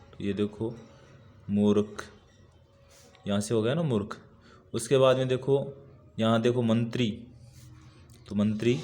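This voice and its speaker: A man's voice: medium pitch, a little mellow. Patient male teacher repeating words. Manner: patient, repeats each word while writing it. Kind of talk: workbook answer lesson.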